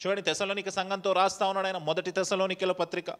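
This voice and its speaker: A man's voice: sits high, flat delivery, fast talker, a bit bright. Man preaching with rhetorical questions. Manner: rhetorical questions, mixes English phrases. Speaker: pastor. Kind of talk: sermon.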